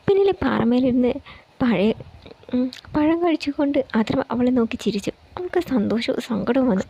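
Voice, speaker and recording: Husky woman reading a story. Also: a little high, mellow, muffled recording. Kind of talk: reading a romance story aloud.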